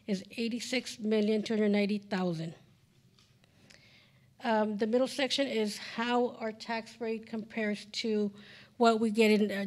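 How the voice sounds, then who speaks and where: A woman in her forties, a school district finance officer, reads budget figures into a podium microphone at a board hearing in a large indoor council chamber. Her mid-range voice has a darkish tone, and she uses many fillers and corrects herself often.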